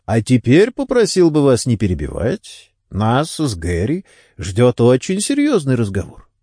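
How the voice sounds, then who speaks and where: A man voicing a calm middle-aged detective who questions a suspect in a firm, pressing way. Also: mid-range voice, measured pace, husky, dry recording, clean studio sound, exaggerated voice.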